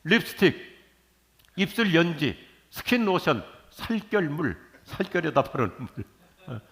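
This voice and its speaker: An older man preaching a sermon in a church, lively and jokey with sudden loud bursts. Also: a little high, measured pace, creaky. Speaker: pastor. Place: church sanctuary.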